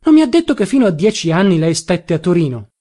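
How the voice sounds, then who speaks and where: A man's voice: sits high, sing-song, fast talker, warm tone. A man reading an audiobook, voicing a scheming man who is excessively polite. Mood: ingratiating. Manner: courteous, obsequious.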